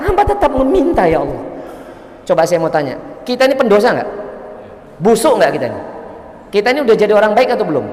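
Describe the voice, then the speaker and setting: A Javanese-accented man leads a relaxed Ramadan sermon in a large mosque. He talks with the congregation and keeps asking them questions. His voice echoes through the roomy hall, with a faint hum behind him. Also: sits high. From Indonesia. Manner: conversational, mixes in local words, quizzes the congregation. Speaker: preacher.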